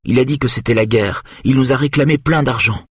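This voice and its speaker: A man's voice: mid-range voice, brisk, husky, dry recording, clean studio sound, natural voice. A man voicing a frightened, sad teenage girl. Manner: faint, small voice. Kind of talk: audiobook character voice.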